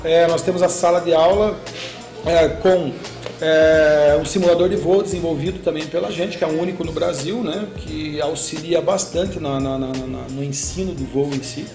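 A middle-aged Brazilian man with a high-pitched voice explains his flying school at an even pace, ending many sentences with a quick tag question. The room is echoey, and faint music plays under him. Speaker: paragliding school owner. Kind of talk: interview answers. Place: indoor shop room with shelves.

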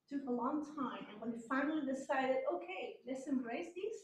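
At a normal pace, a high-voiced woman from Chile delivers a casual, self-deprecating guest lecture in a university seminar room, with the odd light laugh. The distant room-camera mic makes her sound echoey and far away, with a faint hum.

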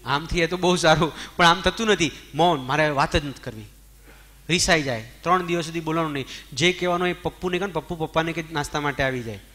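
Brief: male spiritual teacher, lively and questioning, somewhat high voice. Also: fast talker. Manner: animated, asks the audience questions, mixes English words. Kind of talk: Jain discourse to an audience.

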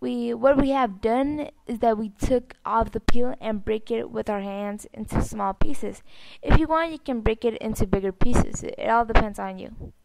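A woman's voice: fairly high pitch, moderate pace, vocal fry, a little mellow, low-quality recording. A woman narrating a recipe step by step as a cooking host. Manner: plain step-by-step instructing.

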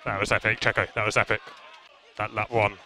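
Brief: race engineer on race car radio, man, even and firm, noisy channel. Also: on the low side, fairly quick, vocal fry. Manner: calm, firm instructions. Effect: race car team radio. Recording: noisy team radio line.

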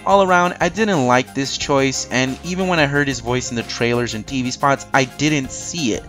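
A man's voice: mid-range voice, moderate pace, fairly bright tone. A man hosting an opinionated countdown commentary, conversational and emphatic with sarcastic asides. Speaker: movie review host. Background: music.

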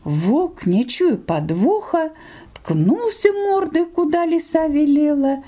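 Female fairy-tale narrator: expressive, animated, slow-paced, soft mellow tone. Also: sits high. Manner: expressive storybook delivery. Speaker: storyteller.

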